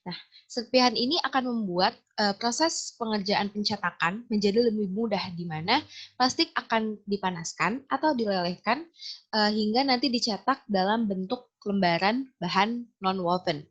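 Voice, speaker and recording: A woman's voice: mid-range voice, normal speed, muffled recording. Young woman reading out a presentation. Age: young adult. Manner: steady, methodical, lists points in order. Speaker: student presenter, team member. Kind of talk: student essay presentation.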